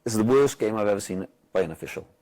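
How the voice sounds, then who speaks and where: A man's voice: on the low side, quick pace. A Welsh man, a football manager, telling a match story in casual chat, swearing freely and acting out what people said. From Wales. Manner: animated, swears a lot, acts out quotes loudly.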